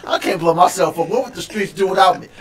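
A man co-hosting a comedy podcast who cracks low-key jokes and tends to mumble. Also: fast, recorded from a distance. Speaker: podcast co-host. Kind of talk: casual comedy podcast banter.

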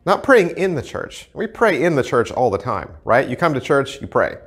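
A man's voice: medium pitch, big pitch swings, normal speed, fairly bright tone, breathy edge, soft background music. A man, a pastor giving an earnest, conversational devotional to camera from an empty church sanctuary on a lapel mic. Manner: earnest, conversational, gestures while talking.

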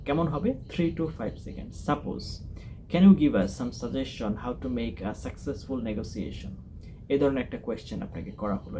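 A man's voice: mid-range voice, dark tone, a little hiss or hum. A man hosting a test-preparation channel, explaining speaking practice step by step and mixing English phrases into his lesson. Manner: mixes English phrases into explanations, repeats points. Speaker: test-prep channel host. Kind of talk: instructional talk.

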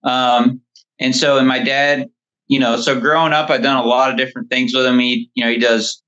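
He sounds bright through a dull phone line, keeping a medium pitch, level tone and moderate pace. In his thirties and running a lawn care company, he guests on a podcast, telling meandering stories in a relaxed interview and saying "you know" a lot.

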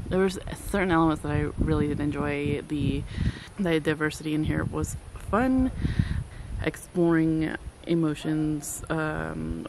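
A woman in her thirties, a book vlogger with a low, gravelly voice, chats casually and rambles with frequent ums. She's filming outdoors at a lakeside campsite on a phone held at arm's length, so the audio picks up background noise.

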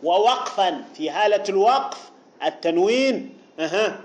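Deliberate man teaching grammar. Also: high-pitched, lively intonation. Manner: deliberate, repeats key phrases and asks the listener questions. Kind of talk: classroom explanation of a grammar text. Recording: dull lo-fi recording.

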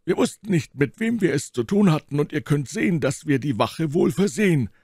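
A man's voice: a little high, expressive, a little fast, a little mellow, slightly rough, no room sound, clean studio sound, voice pushed up. A man doing a bold, firm musketeer. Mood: firm, formal. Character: proud, firm-voiced male musketeer.

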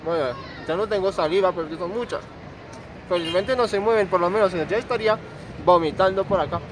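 A man's voice: high voice, fairly quick, a faint crowd, low-quality recording. Man talking with his mouth full. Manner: joking, self-mocking commentary while chewing. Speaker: vlogger doing a food challenge. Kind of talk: casual vlog monologue. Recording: outdoor street with clear traffic noise.

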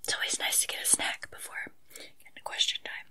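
Woman, whispered role-play, crisp bright whisper, earnest insecure investigator, hesitant, coaxing. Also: brisk. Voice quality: breathy, unvoiced whisper. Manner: hesitant, coaxing, soft-spoken questioning. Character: earnest, insecure female investigator questioning a witness.

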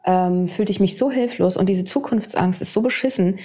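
A woman in her fifties, a TV presenter, telling her personal story to an interviewer in a candid, animated way. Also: medium pitch, normal speed, slightly rough, soft background music. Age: 50s. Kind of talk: personal testimony in conversation.

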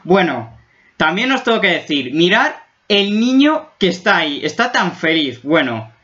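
A man's voice: high voice, very animated, a little slow, bright, forceful tone. A man from Spain doing a casual video reaction, joking and exaggerating as he gets spooked, on a dull lo-fi recording. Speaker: YouTube reactor.

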